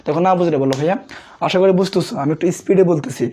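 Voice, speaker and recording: A young man from Bangladesh with a sore throat, teaching a fast revision math class and quizzing students, then answering his own questions. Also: fairly high pitch, mellow, slightly rough. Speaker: math tutor.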